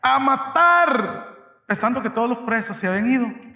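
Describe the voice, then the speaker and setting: A man preaching a sermon as pastor, emphatic and addressing his listeners directly, swinging between loud and soft. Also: extremely high pitch, steady tone, fast talker. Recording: echoey church hall reverb.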